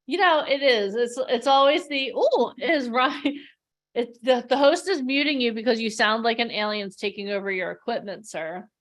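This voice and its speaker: A woman's voice: a little high, brisk, few pauses, a bit bright. Upbeat woman hosting a video-call workshop. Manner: upbeat, chatty, playful. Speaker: host.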